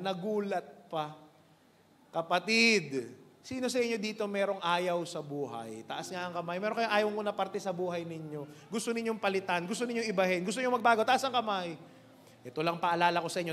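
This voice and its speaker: A man from the Philippines preaching a sermon in an animated, playful storytelling way. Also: high voice. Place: cinema hall. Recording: echoey hall.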